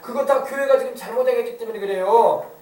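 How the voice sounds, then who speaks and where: A man's voice: very high voice, fast, a little mellow, reverberant, recorded from a distance, low-quality recording. A male pastor preaching an emphatic sermon, often asking the congregation to agree. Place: church sanctuary.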